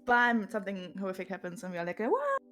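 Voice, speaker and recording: A woman playing in a tabletop game, giggly and animated as she chats. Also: on the high side, moderate pace, faint music behind. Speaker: player. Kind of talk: casual chat.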